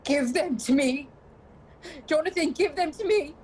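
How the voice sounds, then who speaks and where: A woman's voice: high-pitched, measured pace, a little mellow. A woman playing an entranced wife bound to a vampire in a radio play, speaking with dramatic intensity. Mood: insistent. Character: Mina, entranced young wife linked to a vampire. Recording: clearly noisy, at times distant.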